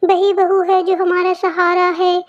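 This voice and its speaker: A woman's voice: very high-pitched, monotone, unhurried, dull audio. A woman playing an older dramatic mother-in-law. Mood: pleading. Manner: loud pleading calls.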